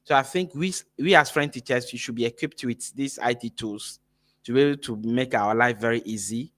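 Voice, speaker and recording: A man from Ghana with a mid-range, fairly bright voice and a moderate pace hosts a live-streamed workshop for teachers as a teacher trainer. He speaks energetically into his phone's camera mic, often checking in with "right?".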